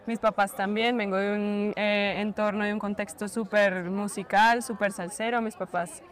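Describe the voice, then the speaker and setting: A woman's voice: mid-range voice, steady tone, moderate pace. Female guest DJ, Cali accent, thoughtful, casual chat outdoors. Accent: Colombian (Cali). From Cali, Colombia. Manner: thoughtful, searching for words. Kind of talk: casual conversation.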